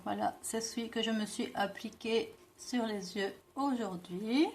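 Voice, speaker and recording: Slow, halting French woman reviewing makeup. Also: a little high, darkish tone, a little hiss or hum. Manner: hesitant, stumbling over product names and self-correcting. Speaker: beauty vlogger. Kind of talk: casual product review.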